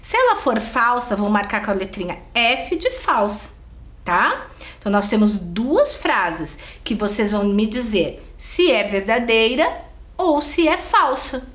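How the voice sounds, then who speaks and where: A Brazilian woman teaches children in a recorded video lesson, drawing them in with question after question. Her voice sits a little high and rises and falls a lot. Her talk is slow and clear, and the room echoes around her. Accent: Brazilian Portuguese. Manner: slow, lively, coaxing questions to pupils.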